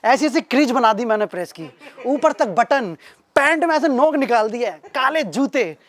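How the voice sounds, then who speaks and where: A young stand-up comedian from Uttar Pradesh, India, tells a story in a very high-pitched voice at a normal speed. His manner is animated and self-mocking as he spins his anecdote.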